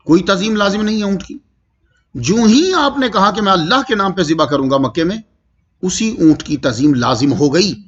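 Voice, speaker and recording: A man gives a Quranic commentary lesson in a high, animated voice that swings widely in pitch. He recites verses slowly and drawn out, then explains them and checks with his listeners. The recording sounds dull and lo-fi. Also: slightly rough. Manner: asks the listeners questions as he explains. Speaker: Quran teacher.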